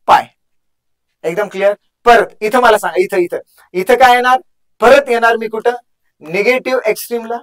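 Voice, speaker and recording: A young man with a Marathi accent teaching a fast physics exam crash course, chatty and joking, quizzing students over and over on formulas. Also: sits high, rough recording. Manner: chatty, joking, drills formulas with repeated questions.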